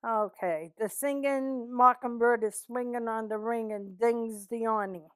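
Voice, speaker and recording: Here an East Boston woman in her seventies, with a Boston accent, is interviewed and also reads test sentences aloud. She answers plainly and bluntly, in few words. Her pitch is fairly high, her pace a little slow, and her tone a bit bright and smooth, with no room sound.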